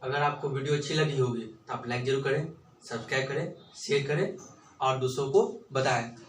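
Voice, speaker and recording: A man's voice: medium pitch, a little fast, roomy sound, far from the mic, slight background noise, poor audio. A male teacher giving a lesson who asks questions and repeats the answers, spelling words out letter by letter. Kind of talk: classroom lecture in Hindi with English terms.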